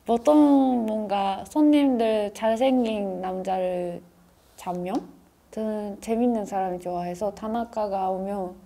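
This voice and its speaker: Japanese-accented young woman speaking halting Korean. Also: mid-range voice, creaky, warm tone. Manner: halting, simple non-native phrasing. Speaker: interviewee in a reaction video. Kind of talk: casual chat.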